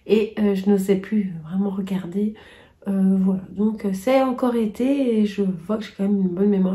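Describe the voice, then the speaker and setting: A woman's voice: mid-range voice, warm tone. A middle-aged woman chatting casually to camera about her favourites, hesitant and full of fillers, often trailing off into near-whispers. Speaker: booktuber sharing yearly favourites.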